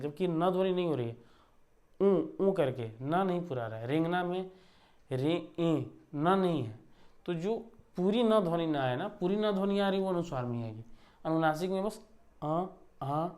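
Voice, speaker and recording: A man's voice: fairly high pitch, a little mellow. Man teaching step by step. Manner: explains step by step, often asks ठीक है. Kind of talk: classroom lesson.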